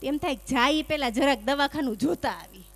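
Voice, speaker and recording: Woman, stand-up comic, high voice, teasing, acts out dialogue, stage mic. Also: expressive, normal speed, fairly bright tone, faint music behind. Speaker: stand-up comedian. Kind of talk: live stand-up storytelling. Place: stage before a live audience. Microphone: stage microphone.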